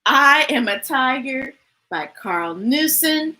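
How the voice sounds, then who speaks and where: A woman's voice: high-pitched, animated, slow, bright, forceful tone. A woman reading picture books aloud to children, enthusiastic and chatty. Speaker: children's story reader. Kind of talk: storytime read-aloud.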